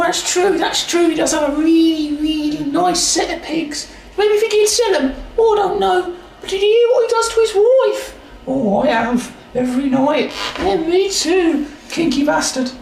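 Woman playing very high-pitched village gossip, echoey. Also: moderate pace, gravelly, a little mellow, far from the mic. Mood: gossipy, bawdy. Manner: bawdy, gossipy. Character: gossiping low-level village women, bawdy and chatty. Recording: echoey room, off mic.

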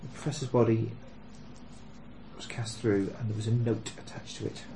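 Lowish man, clearly noisy recording. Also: little pitch movement, normal speed. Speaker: game master. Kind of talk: narrating a tabletop game.

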